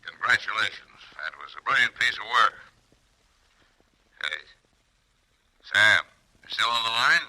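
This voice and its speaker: An American actor playing a gruff, sardonic homicide lieutenant in a curt 1940s radio crime-drama style. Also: male voice, lowish voice, animated, measured pace, pauses often, sharp tone, exaggerated voice, poor audio. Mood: sardonic, indignant.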